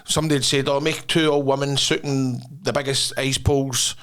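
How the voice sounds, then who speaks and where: Scottish man, animated casual banter. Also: medium pitch, fairly quick, a little hiss or hum. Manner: animated storytelling, sweary slang. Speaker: podcast host.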